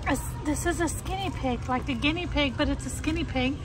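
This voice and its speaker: Chatty high-voiced woman vlogging in a store. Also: a little fast, low-quality recording. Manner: chatty, giggly, talking to camera. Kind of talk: casual vlog chat. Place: indoor pet store. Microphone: phone at arm's length. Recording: store noise behind.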